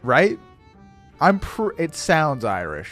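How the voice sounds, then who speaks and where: A man's voice: fairly high pitch, wildly swooping pitch, slow pace, fairly bright tone. Giggly young man streaming a game. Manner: joking, giggly, self-deprecating. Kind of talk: casual live-stream commentary. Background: faint game music.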